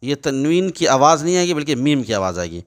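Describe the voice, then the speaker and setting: A man's voice: fairly high pitch, sing-song. A man teaching Quran recitation, spelling out letters and vowel marks step by step and switching between chanted recitation and plain spoken explanation. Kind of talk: recitation lesson.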